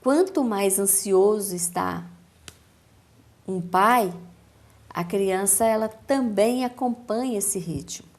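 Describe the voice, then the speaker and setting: Calm Brazilian woman explaining clearly. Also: medium pitch. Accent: Brazilian Portuguese. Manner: calm, didactic, measured pauses. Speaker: speech therapist guest. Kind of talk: TV interview explanation.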